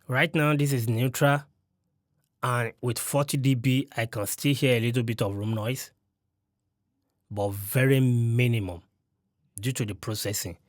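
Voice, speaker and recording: A man's voice: medium pitch, fairly even intonation, measured pace, long pauses, no room sound. Man, mid-range voice, close studio mic, explanatory gear-review delivery, very dry. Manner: explanatory, walks through settings step by step. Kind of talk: mic test demonstration. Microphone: studio condenser mic close up.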